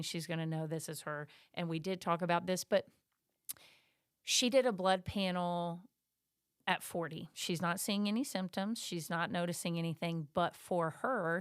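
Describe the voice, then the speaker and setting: Middle-aged woman podcast co-host, emphatic and chatty, smooth and a touch low, close dry mic. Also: no room sound. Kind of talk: casual podcast chat.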